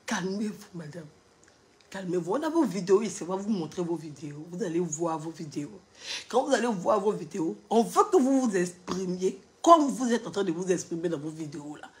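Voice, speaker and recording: A woman voicing an official who sternly questions someone and keeps repeating orders to calm down. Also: on the low side, a little fast, lightly acted. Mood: stern, insistent. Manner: firm, repeating commands.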